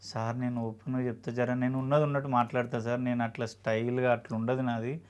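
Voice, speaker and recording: A man's voice: medium pitch, little pitch movement, quick pace, clean tone. A man, an actor telling his story earnestly and emotionally in an interview, often acting out dialogue.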